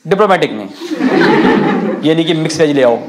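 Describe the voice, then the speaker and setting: A man's voice: fairly high pitch, animated, fairly quick, heavy background noise. A man doing stand-up crowd work, teasing the audience at a live comedy club show.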